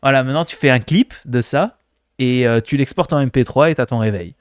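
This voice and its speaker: A playful man from France streams a game, joking and laughing as he comments. His voice sits at a middle pitch, recorded close and dry with no room sound. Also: fairly quick, smooth, no room sound. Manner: playful, laughing, mimics accents. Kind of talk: casual gameplay commentary.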